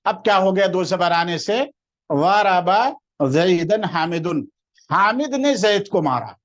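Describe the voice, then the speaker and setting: High-voiced man teaching grammar. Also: sing-song, a bit bright. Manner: explains patiently, often quizzing listeners with questions; slows down to spell out example words. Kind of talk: classroom grammar lesson.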